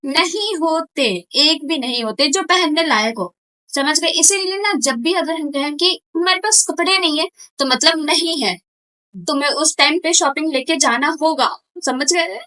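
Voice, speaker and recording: A woman's voice: high voice, normal speed, sharp tone, poor audio. A young woman hosting a reaction video, chatting casually and talking straight to her viewers. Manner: chatty, addresses viewers directly. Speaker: reaction channel host.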